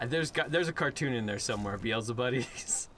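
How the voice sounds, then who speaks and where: A man's voice: medium pitch, animated, brisk, a bit bright. A man hosting a let's play, chatting casually and jokily as he plays. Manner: jokey, playing along, laughs easily. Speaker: let's play host, gamer. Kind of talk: casual gameplay chat. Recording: clear game noise behind the voice. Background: video game sound effects and ambience.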